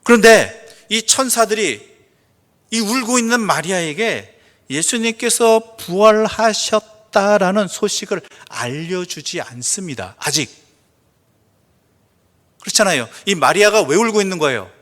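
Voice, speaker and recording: A male pastor preaching a sermon, asking the congregation questions, answering them himself, and reading scripture slowly and softly. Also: high-pitched, animated. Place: church sanctuary. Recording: long church reverb.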